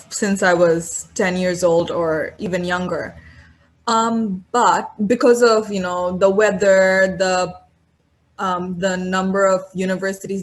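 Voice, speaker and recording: A young woman from Bangladesh, a university student, answering questions thoughtfully over a video call and pausing with "um". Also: on the low side. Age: young adult. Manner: thoughtful, pauses with "um".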